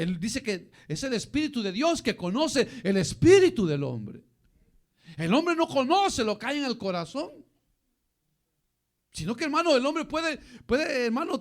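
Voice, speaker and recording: High-pitched, animated male pastor. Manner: addresses listeners as "hermano" often, animated preaching. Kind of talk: Bible study sermon.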